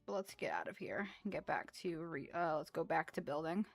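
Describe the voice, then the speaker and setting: While playing a game, a young woman streamer chats casually in a low voice with lively intonation and vocal fry, talking fairly quickly. She rambles, restarts often, and laughs, with faint music in the background.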